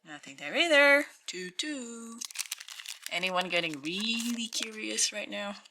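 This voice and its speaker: Here the same host talks casually to herself while unboxing card packs at an indoor tabletop, reading out weights and other numbers in slow, musing hands-only commentary. Her croaky morning voice sits mid-range and sounds expressive over background noise.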